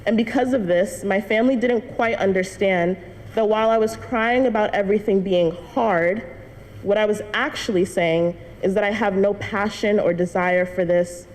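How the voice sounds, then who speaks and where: Telling her story to a church congregation, a young adult student speaks earnestly and laughs lightly along the way. Her voice is mid-range and a little mellow, at normal speed. Recorded in a church hall, it has long reverb and faint background noise.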